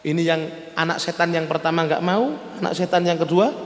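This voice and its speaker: A man with an East Javanese accent delivers a storytelling sermon in a high voice, swinging his delivery as he acts out the people in his tale. He speaks into a clip-on mic, and his voice rings through an echoey hall with a long reverb tail. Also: brisk. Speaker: preacher. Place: religious gathering hall. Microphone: lavalier clip-on mic.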